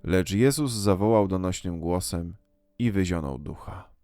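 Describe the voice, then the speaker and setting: A man reading a Gospel passage aloud in a solemn, measured liturgical style. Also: deep voice, animated, no echo. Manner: measured, unhurried, reverent delivery. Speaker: scripture reader. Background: soft guitar music.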